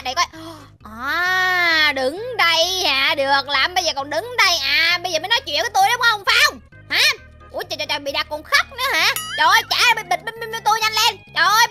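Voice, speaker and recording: Very high, bright shrieky gamer girl. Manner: loud, exclamatory, mock-outraged. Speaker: gaming YouTuber co-host. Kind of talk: playful Minecraft commentary.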